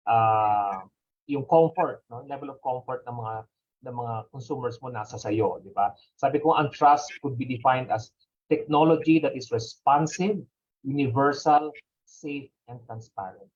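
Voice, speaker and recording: Husky Filipino man explaining, slightly muffled. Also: mid-range voice, darkish tone. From Philippines. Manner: emphatic explainer, frequent rhetorical tags. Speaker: fintech executive guest. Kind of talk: conversational interview answers in Taglish.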